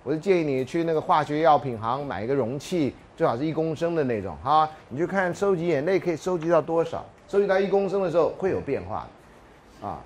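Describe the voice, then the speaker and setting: A man's voice: on the high side, animated, quick pace, a little hiss or hum. A man lecturing a university class, telling jokes and anecdotes and often laughing mid-sentence.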